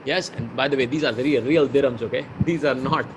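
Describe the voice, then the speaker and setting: Over a noisy background, a man from India with a mid-range voice talks quickly in an Indian accent as a business mentor hosting a live webinar. He's energetic and rhetorical, reads chat replies out, and blends in Hindi.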